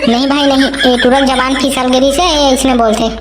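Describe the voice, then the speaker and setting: A woman with a Chhattisgarhi accent voices the characters of a comic cartoon in rough, teasing back-and-forth. Her voice sits a little high. A steady hiss of noise runs under the recording. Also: brisk. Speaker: cartoon voice artist.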